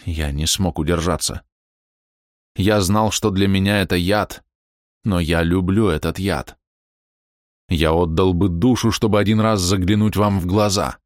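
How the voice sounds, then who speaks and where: A man reading aloud and voicing a desperate, lovesick married man in a slow, heavy, low delivery. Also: steady tone, no room sound, clean studio sound. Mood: yearning. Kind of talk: audiobook character reading.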